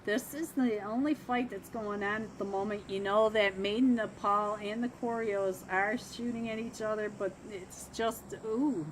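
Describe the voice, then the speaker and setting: A woman calling a mobile esports match alone, chatty and upbeat, with bursts of excitement at big plays, and losing her voice. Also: medium pitch, normal speed, few pauses, background noise. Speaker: esports caster. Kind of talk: solo live game commentary.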